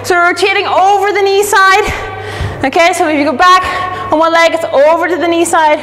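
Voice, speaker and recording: A young woman coaching a workout as a fitness instructor, encouraging and breathy from exercise. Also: very high-pitched, steady tone, normal speed, a bit bright, faint music behind. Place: large indoor studio with wooden floor. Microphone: distant camera. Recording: echoey hall from far off, noisy.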